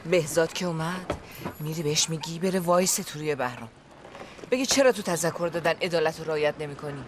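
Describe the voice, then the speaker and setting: A woman's voice: low-pitched, noisy background, natural voice. An actress in a TV drama playing a mother who complains to her son about his father's unfairness, in a reproachful way. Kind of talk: TV drama acting.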